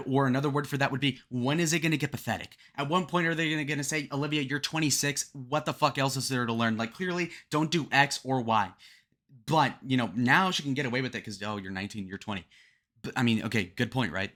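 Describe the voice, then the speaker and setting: A fast-talking young man in his twenties, medium-pitched and a bit bright, gives a blunt, rambling song breakdown full of fillers as a casual music commentator.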